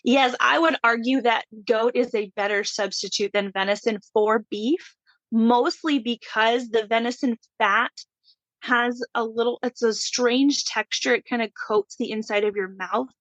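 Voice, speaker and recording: A woman's voice: a little high, steady tone, unhurried, fairly bright tone, no echo. A woman, a homesteading guest in a casual interview, talking in a friendly, thoughtful way with frequent ums. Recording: dull lo-fi sound.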